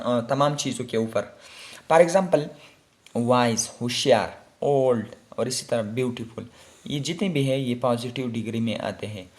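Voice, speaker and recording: Slow, measured male grammar teacher. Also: medium pitch. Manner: explains slowly, repeating examples, mixing English terms into Hindi-Urdu talk. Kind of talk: grammar lesson.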